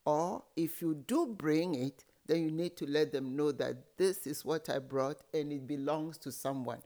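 Man with a higher voice recounting childhood. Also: measured pace, warm tone. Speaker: guest. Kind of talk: storytelling in an interview.

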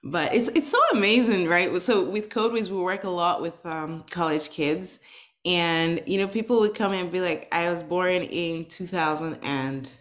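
A woman's voice: lowish voice, moderate pace. A woman in her thirties from Nigeria, a tech founder chatting easily as an interview guest, with lots of fillers and restarts. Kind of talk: casual interview chat.

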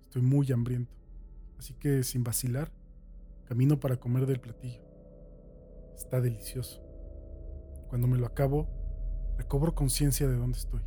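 A man's voice: mid-range voice, flat delivery, moderate pace, long pauses, a little hiss or hum. A man reading a first-person horror story aloud as a dramatic scripted narration. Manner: dramatic reading that swings from hushed to shouted.

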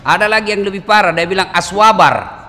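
A man's voice: sits high, animated, moderate pace, bright, forceful tone, in a large hall. A man preaching a sermon, telling stories with humor and acted quotes. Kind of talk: sermon to a congregation.

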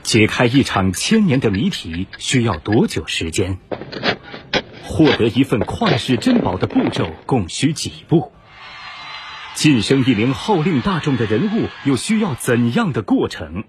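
Very expressive man narrating a promo. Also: medium pitch, a little slow, a little hiss or hum. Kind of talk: dramatic scripted event promo.

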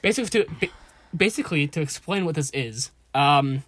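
A man's voice: on the high side, lively intonation, fairly quick, crowd noise. A young man co-hosting a podcast with friends, casual and hesitant, full of ums and restarts. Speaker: podcast co-host. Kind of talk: casual chat.

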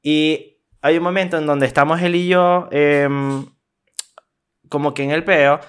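Venezuelan dude, young, slangy, bit high voice, tells stories all lively. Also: male voice, measured pace, clear, resonant tone. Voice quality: animated, slangy, acts out quoted voices. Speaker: podcast co-host. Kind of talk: casual storytelling chat.

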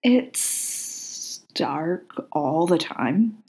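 A woman's voice: medium pitch, lively intonation, measured pace, darkish tone, lightly acted, low-quality recording. A woman voicing a grumpy, sardonic male demon who grumbles and argues. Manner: grumbling, argumentative.

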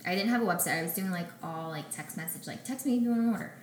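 A young adult woman, a guest on an interview show, telling her story in a casual way and acting out conversations with lively back-and-forth. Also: lowish voice, a little hiss or hum. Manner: animated, acts out conversations in quick back-and-forth. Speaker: podcast guest, small bakery founder. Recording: roomy echoey room.

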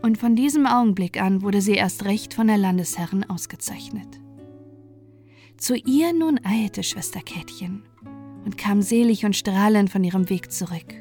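A woman storyteller reading a fairy tale as a calm, soothing bedtime story. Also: medium pitch, normal speed, soft background music.

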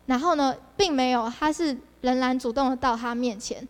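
A woman's voice: high voice, normal speed, clean tone, big-room sound. A young woman preaching at a youth service, constantly throwing questions to her listeners. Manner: asks the audience frequent rhetorical questions, animated. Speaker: district leader preaching.

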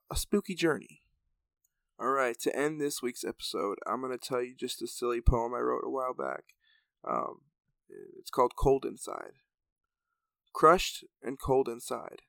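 Man storyteller, gravelly, relaxed and chatty, dry close mic. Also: mid-range voice, no room sound. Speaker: podcast storyteller and host. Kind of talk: reading a serialized story aloud, then casual outro.

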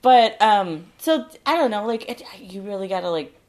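A woman's voice: medium pitch, animated, moderate pace, a little mellow. A young woman co-hosting a podcast, rambling in casual chat with many fillers and laughs. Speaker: podcast co-host.

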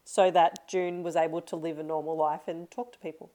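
A woman's voice: deep voice, level tone, fairly quick, dark tone. A woman co-hosting a casual podcast, chatting and telling a spooky story with frequent laughs and fillers. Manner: chatty, laughs often, tells stories with lots of fillers. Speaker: podcast co-host. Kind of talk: casual chat.

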